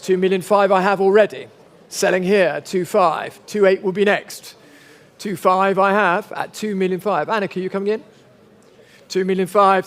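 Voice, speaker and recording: Male auctioneer, high voice, formal and courteous, live bid-calling with repeated figures. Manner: polite, formal, coaxing bidders. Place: large auction sale room.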